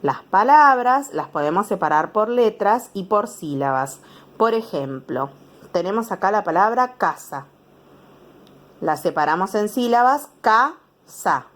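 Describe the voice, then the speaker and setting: A young woman with a Rioplatense Spanish accent, explaining schoolwork to small children. She speaks slowly, her pitch rising and falling in a lively, animated way. She sounds out syllables one by one and keeps checking that the children follow. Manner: slow, patient, sounding out syllables with frequent checks. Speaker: teacher. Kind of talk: explaining homework to young pupils.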